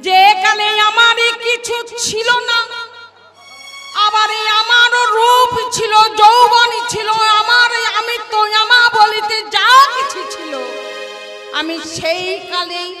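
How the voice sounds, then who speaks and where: A woman voicing an old village go-between woman who declaims loudly and slowly in a sung storytelling performance. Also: very high voice, steady tone, long reverb tail, music in the background, voice pushed up. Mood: proud.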